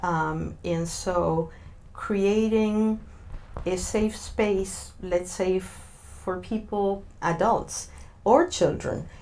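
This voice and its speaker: Slow, thoughtful Argentine woman. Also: mid-range voice, fairly even intonation, a little mellow. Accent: Argentine Spanish. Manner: thoughtful, many filler sounds, searching for words. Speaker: interview guest. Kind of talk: interview answers.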